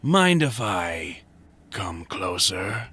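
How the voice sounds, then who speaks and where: Creepy game delivery guy: very low, husky, slow, insinuating and falsely friendly. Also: big pitch swings, a bit bright, heavily acted. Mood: creepy, probing. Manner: insinuating, mock-friendly, breaks into whispers. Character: creepy, leering delivery man with menacing flirtation. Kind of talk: video game voice acting.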